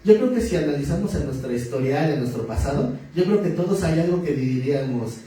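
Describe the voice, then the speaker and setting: A male pastor preaches in an easy, joking manner and keeps asking his listeners questions. His voice sits a little high but sounds very dark and mellow. He is heard from well back in a very echoey hall, with faint noise behind him. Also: expressive, a little fast, recorded from a distance. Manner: conversational, joking, asks the audience questions. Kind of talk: sermon.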